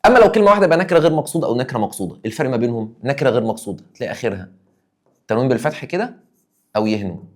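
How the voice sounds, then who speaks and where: Man, Egyptian accent, teacher, exam review, emphatic, rapid delivery. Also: mid-range voice, animated. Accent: Egyptian Arabic. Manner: emphatic, acts out student questions.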